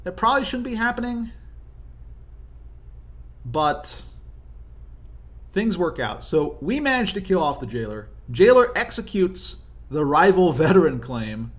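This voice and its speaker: A man's voice: high voice, very animated, a little slow, pauses often. Man explaining strategy over gameplay. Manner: conversational, explanatory, frequent "right?" tag questions. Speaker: gaming video commentator. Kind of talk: casual gameplay commentary.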